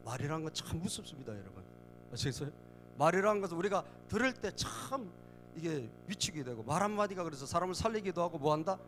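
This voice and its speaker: A man's voice: on the high side, fairly bright tone. A middle-aged man preaching a sermon in a church, repeatedly prompting the congregation and acting out mocking voices. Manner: asks the congregation "예?" again and again; acts out mocking enemy voices. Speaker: pastor. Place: church sanctuary.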